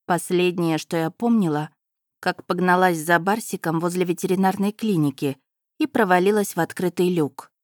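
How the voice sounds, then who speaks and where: A woman narrating a first-person audiobook in a measured storytelling way. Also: on the low side, darkish tone, no room sound, clean studio sound.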